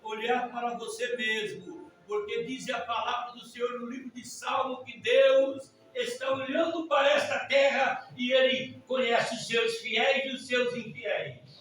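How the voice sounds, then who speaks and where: A Brazilian man preaching a fiery Pentecostal sermon as pastor, swinging from hushed storytelling to shouted exhortation with frequent hallelujahs. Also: extremely high pitch, flat delivery, a little slow, hardly any pauses, a little hiss or hum. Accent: Brazilian Portuguese. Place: church sanctuary. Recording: very echoey church from far off.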